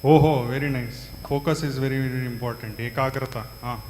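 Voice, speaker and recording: Brisk and medium-pitched with fairly even intonation, a South Indian-accented man leads an interactive lecture for a big class, restating answers and prompting students with short questions. It was captured in a large, echoey hall, with reverberation and a faint hum.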